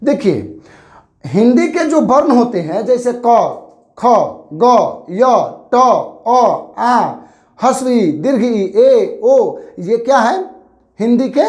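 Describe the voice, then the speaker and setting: A man's voice: extremely high pitch, darkish tone. A male teacher giving an exam-prep grammar lesson, who explains by repeating points and asking questions that he then answers himself. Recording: roomy echo.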